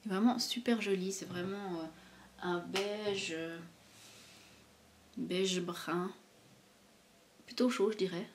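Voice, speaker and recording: A woman's voice: medium pitch, steady tone, slow pace, pauses often, a little hiss or hum. Chatty woman, lots of fillers. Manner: chatty, hesitant with many fillers. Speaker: beauty vlogger. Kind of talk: casual product review chat.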